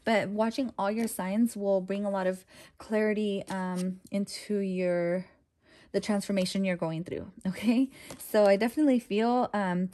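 A young woman reads tarot cards in a casual, chatty way, talking straight to her viewers. She keeps things reassuring and loose, with plenty of fillers along the way. Her voice is warm and mellow at an ordinary middle pitch. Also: steady tone, a little slow. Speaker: tarot reader. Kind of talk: casual tarot reading to camera.

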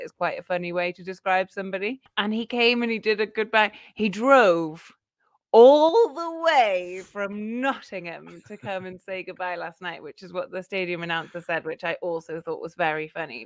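A woman's voice: medium pitch, a bit bright, no room sound, clean studio sound. Giggly woman co-hosting a podcast. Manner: giggly, playful, acts out quotes. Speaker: podcast co-host. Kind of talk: casual chat.

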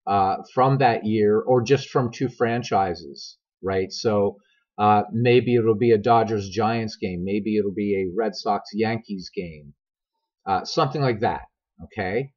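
A middle-aged man with a husky smoker's rasp and a fairly low, slightly mellow voice talks slowly through a casual, rambling video game tutorial. He addresses his viewers directly and drifts off on tangents. It's a voice-over on screen capture, recorded with a dull, lo-fi mic.

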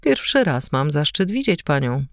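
A woman voicing a young male officer who speaks flatly and without feeling, in a lowered voice. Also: normal speed, no echo, studio quality. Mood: cold. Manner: flat, indifferent. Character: young officer, cold and unmoved.

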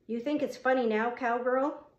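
A woman reading an audiobook, voicing a dim, greedy teenage bully with a gruff, swaggering, patronizing manner. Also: fairly high pitch, fairly even intonation, moderate pace, dull audio, close to an everyday voice. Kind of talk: audiobook character voice. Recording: roomy echo.

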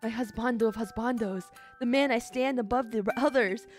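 This casual streamer speaks at normal speed in a fairly high pitch, narrating a visual novel aloud and reacting with blunt curses. It's co-op stream chat mixed with read-aloud narration, backed by soft game music.

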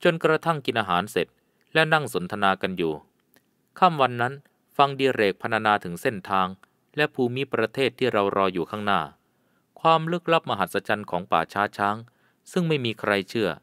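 A man narrating a jungle adventure audiobook in a measured, suspenseful way. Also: lowish voice, bright, forceful tone, clean tone, no room sound, clean studio sound.

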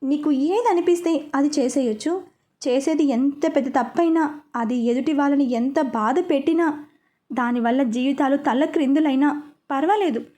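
A woman voicing a weak but defiant young woman in a storybook reading, speaking with a resentful, steady voice. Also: sits high, close to an everyday voice.

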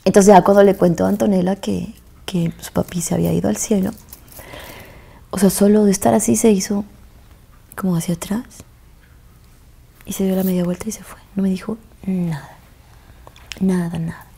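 Soft-spoken Mexican woman, husky and gravelly. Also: medium pitch, fairly even intonation. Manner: soft and halting, often sinking to a near whisper. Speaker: guest, actress. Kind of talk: emotional personal storytelling.

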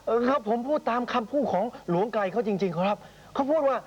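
A man voices a scheming servant in a period radio drama, bowing and scraping to his master while stirring trouble. His voice is high and jumps around, with hesitant fillers over a dull recording with faint noise. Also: expressive, quick pace. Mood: sly. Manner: obsequious, hesitant, sly. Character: fawning, scheming male servant to a lord.

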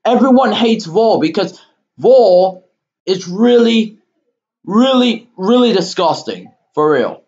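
A man hosting his own channel, delivering an indignant, rambling rant full of fillers and halting restarts, with sudden outbursts. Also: sits high, sing-song, a little mellow. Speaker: channel host. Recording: dull lo-fi recording.

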